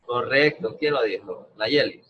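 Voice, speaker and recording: Teaching math on a video call, a man patiently walks students through the material, frequently checking in with "¿no?" and "¿verdad?". His voice is mid-range with a sharp tone and a measured pace, and the recording is rough.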